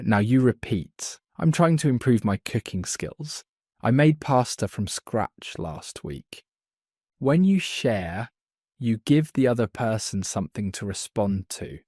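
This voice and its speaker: A man teaching a beginner English lesson, speaking slowly and clearly and giving model phrases for learners to repeat. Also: lowish voice, dark tone, dry recording, clean studio sound. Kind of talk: slow scripted language lesson.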